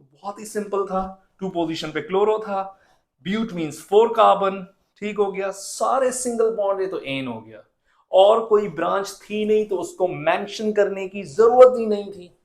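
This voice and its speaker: A man's voice: sits high, moderate pace, a little mellow. A man teaching a chemistry lesson, asking the class questions and answering them himself, and repeating the key rules. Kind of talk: classroom lecture.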